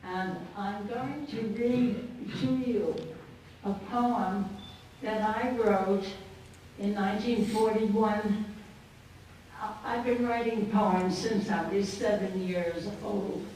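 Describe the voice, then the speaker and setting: With a steady, warm tone at medium pitch, a poet in her early nineties addresses an audience as a guest speaker, telling personal anecdotes in brief, deliberate phrases. The recording is from a very echoey conference banquet hall, with a distant-sounding microphone and faint noise.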